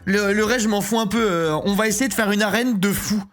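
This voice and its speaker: Excitable giggly man streaming. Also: high voice, fairly quick, soft background music. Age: 30s. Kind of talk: casual live-stream chat.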